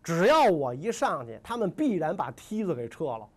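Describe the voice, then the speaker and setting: Male narrator as a fretful dutiful son, anxious pleading tone, animated pitch. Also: moderate pace. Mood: worried. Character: dutiful young man, worried and put-upon.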